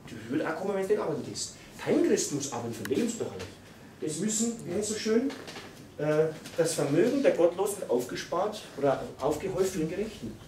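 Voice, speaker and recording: Emphatic preacher in echoey hall. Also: male voice, high voice, very animated, quick pace, a little hiss or hum. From Austria. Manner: emphatic, repetitive preaching with sudden loud bursts. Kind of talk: live church sermon. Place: church hall. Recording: echoey hall, mic from far off.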